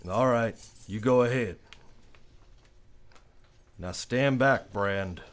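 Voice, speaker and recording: An actor playing a stern, weary American frontier marshal, terse and authoritative, in a western radio play. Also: male voice, medium pitch, slow, close to an everyday voice. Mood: commanding. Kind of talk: old-time western radio play acting.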